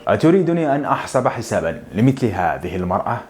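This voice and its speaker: A man's voice: on the low side, very animated, a little mellow, slight background noise. A man reading the lines of a defiant divorced woman who scorns gossip and convention, in a scornful, questioning manner. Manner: scornful, cutting, rapid-fire questions. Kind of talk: audiobook narration.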